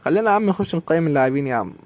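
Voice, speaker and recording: A man's voice: a little high, lively intonation, very fast, dry recording. A young man with an Egyptian Arabic accent commentating his own football video game match, exasperated and repeating his complaints. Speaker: gaming YouTuber.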